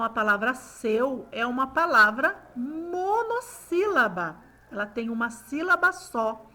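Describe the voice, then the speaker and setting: A woman's voice: high-pitched, bright, forceful tone. A woman teaching young children, patiently sounding out words syllable by syllable in a recorded lesson. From Brazil. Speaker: primary school teacher.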